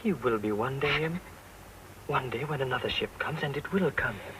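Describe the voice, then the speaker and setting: An actor playing a steady young castaway father, plain-spoken and reassuring in 1940s film style. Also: medium pitch, normal speed, lightly acted. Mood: comforting. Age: young adult. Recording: distant, hissy old film soundtrack.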